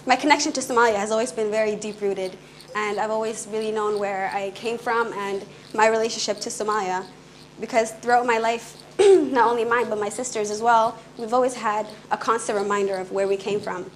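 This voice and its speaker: Young woman giving a quick, earnest talk. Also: on the high side, steady tone, slight background noise, low-quality recording. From Canada. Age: young adult. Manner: earnest, quick and fluent with brief restarts. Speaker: conference speaker. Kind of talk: prepared public talk. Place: small indoor event room.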